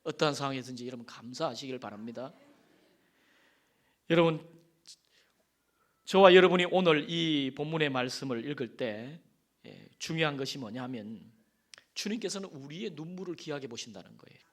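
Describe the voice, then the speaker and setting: A man's voice: medium pitch, animated, moderate pace, pauses often. A man preaching a Sunday sermon in a church, swelling his voice for emphasis, asking the congregation questions and telling folksy stories. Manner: folksy storytelling with asides and affirming "yes". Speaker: pastor. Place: church sanctuary.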